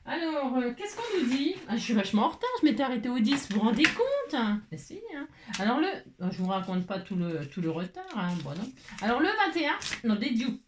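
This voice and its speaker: A chatty French woman leads a crafting tutorial from her home craft room, rambling and talking to herself as she works. Her voice sits a little high, and the room gives it a clear echo. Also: sing-song, brisk, noisy background. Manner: rambling, talks to herself, many "hein"s. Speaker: crafting vlogger.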